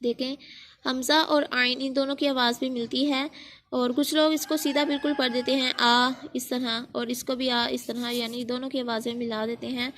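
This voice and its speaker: A woman's voice: high voice, level tone, fairly bright tone, a little hiss or hum. A woman Quran teacher giving a reading lesson, drawing out letter sounds patiently and explaining between drills. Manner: slow, drawn-out recitation of letter sounds.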